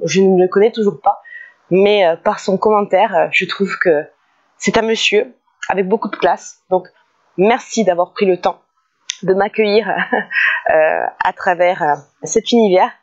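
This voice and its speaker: A woman talking casually to camera in a car detailing vlog, hesitant, with many fillers and restarts, often laughing. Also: mid-range voice. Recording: dull lo-fi recording.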